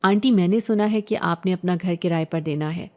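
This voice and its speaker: A polite, insistent young man, voiced by a woman reader in an everyday tone. The voice is warm and mellow, a storybook stranger. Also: fairly low pitch, natural voice.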